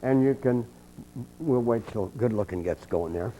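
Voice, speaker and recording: An older man with a dark, mellow voice tells folksy stories and calmly coaches a room of students through slow breathing. The tape sounds dull and lo-fi, like an old archival clinic recording. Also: medium pitch, a little hiss or hum. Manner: folksy, anecdotal, calm coaching. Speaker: trumpet teacher giving a clinic. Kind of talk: storytelling and leading a breathing exercise. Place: college clinic room with an audience.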